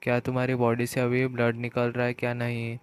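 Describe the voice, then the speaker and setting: A man reading a chatty, naive teenage boy from a comic retelling, polite and eager. The voice is clear and resonant, with a very flat, even melody. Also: medium pitch, fairly quick, close to an everyday voice. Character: cheerful talkative teenage boy.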